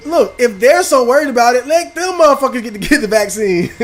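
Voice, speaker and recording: A man streaming a video game with loud, profane, reactive outbursts and casual chat. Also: very high-pitched, lively intonation, fairly quick. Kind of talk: casual gaming stream commentary.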